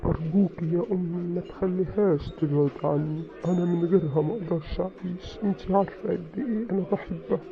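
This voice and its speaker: A man's voice: high-pitched, steady tone, fast, creaky, few pauses, over music. A man with an Egyptian accent playing a cheating husband who pleads and sweet-talks in a skit. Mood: pleading. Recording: dull lo-fi sound.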